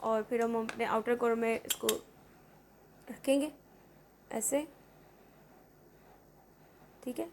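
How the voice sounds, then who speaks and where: A woman's voice: a little high, fairly even intonation, takes it slowly, pauses often, noisy background. A woman hosting a casual makeup tutorial, chatty and often checking in with "okay". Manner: chatty, repeats "theek hai" often. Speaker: makeup vlogger.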